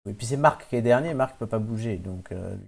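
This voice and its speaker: A man's voice: fairly low pitch, fairly quick, gravelly. Teasing man hosting a quiz. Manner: teasing, announces scores with mock suspense. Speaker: quiz host. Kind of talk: casual quiz podcast banter.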